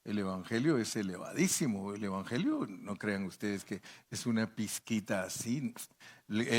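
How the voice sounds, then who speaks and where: An older man preaching a sermon as pastor, telling folksy stories and acting out the people he quotes. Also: medium pitch. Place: church.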